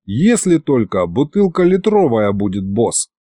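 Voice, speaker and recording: Brief: a man playing a gruff male demon police chief for an audiobook, street-slang patter, high and swinging. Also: sing-song, a little slow, a little mellow, dry recording, clean studio sound. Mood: sulky.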